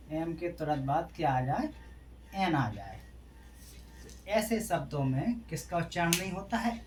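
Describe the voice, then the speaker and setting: An English teacher explains a classroom lesson in Hindi, posing questions and answering them himself while spelling out letters one by one. His voice sits on the high side and is slightly mellow, with a faint hiss or hum in the recording.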